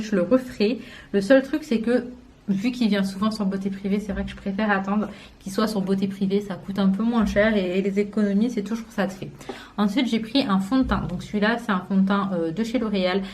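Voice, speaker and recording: A woman in her twenties from France, chatting casually at home about a beauty haul, relaxed and full of hesitations and slang. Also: medium pitch, fairly quick. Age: 20s. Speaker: family vlogger. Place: home, indoors.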